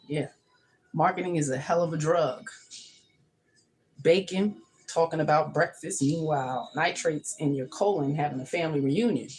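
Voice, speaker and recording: Woman livestream host, low register, chatty and emphatic, repeats herself for effect. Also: a little mellow, a little hiss or hum, low-quality recording. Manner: emphatic, repeats her points. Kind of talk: casual livestream monologue. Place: home kitchen.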